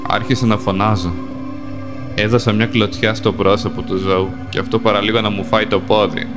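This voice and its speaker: A man reading a dark first-person fantasy tale in a calm, measured way, in short plain sentences. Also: on the low side. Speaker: storyteller. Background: music.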